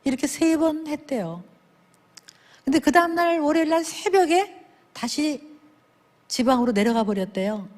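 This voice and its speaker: A woman speaking at a church service, telling lively stories and acting out the people in them with big swings in her voice. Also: normal speed, long pauses. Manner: animated, acts out dialogue with big pitch swings. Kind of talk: lively sermon storytelling with acted quotes. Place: church sanctuary. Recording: long reverb of a church hall.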